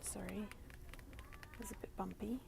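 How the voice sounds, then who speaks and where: A young woman softly whispering through an ASMR walkthrough of a store, naming the items one by one on a handheld phone. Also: mid-range voice, steady tone, measured pace, creaky. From United States. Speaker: ASMR creator. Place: inside a large retail store. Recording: loud background noise in a busy store. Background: store noise, people opening boxes.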